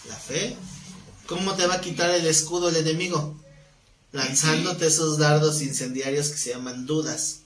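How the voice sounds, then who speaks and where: A man teaches a Bible class over a live stream in a steady tone, his voice on the high side and his pace normal. He talks conversationally and often questions his listeners. The audio has a roomy quality and faint background noise.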